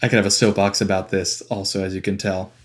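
A man's voice: sits low, level tone, fast talker. A man co-hosting a podcast, chatting casually in a wry, opinionated way with laughing asides. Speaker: podcast co-host. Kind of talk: casual chat.

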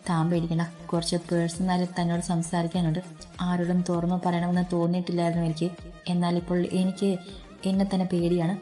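A troubled young widower, gentle and apologetic, in a spoken storybook, as a woman reader voices him. The delivery stays flat and level, with a mellow, soft tone. Faint music plays behind. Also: lowish voice, fast, natural voice. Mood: earnest, apologetic.

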